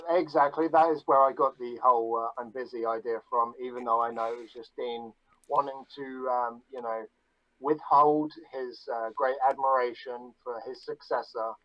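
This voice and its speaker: A man chatting casually on a podcast, bragging about himself in a deadpan, mock-grandiose way. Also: medium pitch, muffled recording. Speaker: guest.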